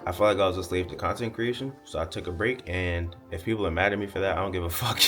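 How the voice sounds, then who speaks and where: A man's voice: low-pitched, quick pace, music in the background. A young man vlogging in a candid, profane ramble to camera, often smiling and half-laughing as he talks. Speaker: content creator. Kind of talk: casual candid monologue to camera.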